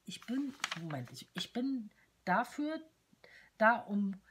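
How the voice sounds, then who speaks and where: A woman's voice: mid-range voice, big pitch swings, slow pace, background noise. A woman reading aloud a chirpy, playful letter written in the voice of a tiny cheerful female companion doll with short arms. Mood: chirpy, tender.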